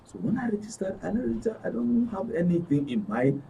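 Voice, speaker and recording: With a high, brisk voice that swings widely in pitch and sounds both gravelly and mellow, a Nigerian-accented studio guest talks through a personal account. He repeats and rephrases for emphasis, recorded on a dull, far-off mic with slight background noise.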